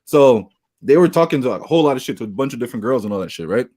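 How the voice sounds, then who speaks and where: A man's voice: mid-range voice, expressive, rapid-fire, dark tone. A man co-hosting a laid-back podcast, with a voice that swings all over as he tells his stories. He laughs through his own anecdotes and acts out what people said. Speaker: podcast co-host. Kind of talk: casual storytelling chat.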